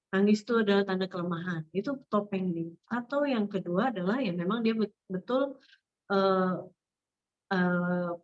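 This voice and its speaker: A woman's voice: medium pitch, dull audio. A woman with an Indonesian accent giving an informal religious study talk to a migrant group, chatty, asking her listeners questions and laughing often. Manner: chatty and warm, asks the audience, laughs often.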